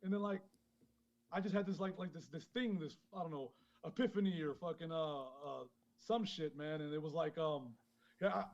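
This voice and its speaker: A man who grew up in Queens, high and chatting casually as a podcast guest, rambling, swearing a lot and laughing often. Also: moderate pace, darkish tone. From born in Honduras, grew up in Queens, New York. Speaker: guest caller, clothing brand founder. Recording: dull lo-fi phone call.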